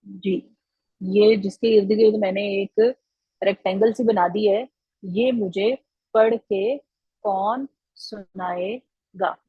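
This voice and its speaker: A woman's voice: mid-range voice, steady tone, slow, breathy edge, no room sound, highs cut off. A woman teaching children in an online class, patient and encouraging, repeating each answer back to them.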